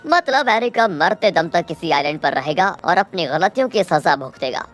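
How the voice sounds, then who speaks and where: Low-voiced woman telling a movie plot, dramatic, chats to viewers like friends. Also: animated, moderate pace, soft background music. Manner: storytelling, addresses viewers as friends. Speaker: movie recap narrator.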